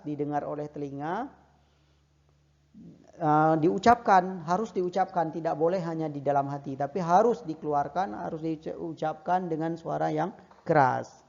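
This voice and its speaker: A man with an Indonesian accent teaches beginners English, patiently repeating every sentence slowly and cheering his students on. His voice sits a little high with a gravelly edge. The sound is dull and lo-fi. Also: a little mellow. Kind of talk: online English lesson for beginners.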